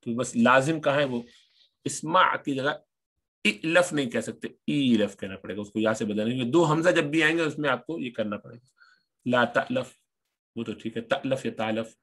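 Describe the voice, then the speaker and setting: A man's voice: mid-range voice, normal speed, a bit bright. A man teaching an Arabic grammar lesson, patiently repeating each word form as he explains it.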